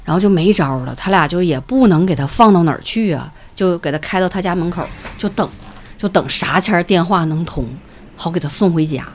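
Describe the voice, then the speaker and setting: A woman with a Northeastern Mandarin accent narrates an eerie tale in a lowish voice that rises and falls dramatically. She is blunt and earthy, swears freely, and mimics voices and sound effects. A faint hiss sits under the recording. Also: animated, brisk, a little mellow. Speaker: podcast co-host. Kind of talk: ghost story telling in a casual chat.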